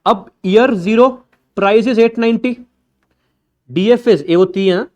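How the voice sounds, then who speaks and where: High-voiced man teaching a class. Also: darkish tone, highs cut off. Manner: brisk, blunt, teasing students informally. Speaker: accounting lecturer. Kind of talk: classroom lecture. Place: classroom with live students.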